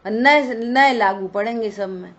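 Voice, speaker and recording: A woman's voice: fairly high pitch, unhurried. A woman teaching a scripture study session, explaining points and answering her own questions. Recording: dull lo-fi recording.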